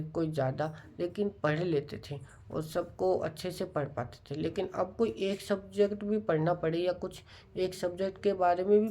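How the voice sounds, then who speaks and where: A man talking casually to viewers in a study vlog, explaining things in an unhurried, musing way. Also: high voice, darkish tone. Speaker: student vlogger.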